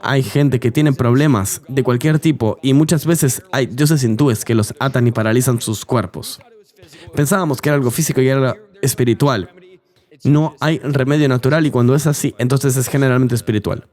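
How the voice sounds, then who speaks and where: Guy dubbing an interview, earnest storytelling voice, mid-pitched. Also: moderate pace, a little mellow. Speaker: interview guest. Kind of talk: dubbed voice-over of an interview.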